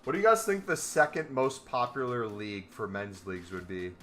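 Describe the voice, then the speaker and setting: Brisk and a bit bright, the mid-range voice belongs to a young man streaming about trading from a gaming chair in a cramped indoor room. Soft music sits in the background as he talks easily to his chat.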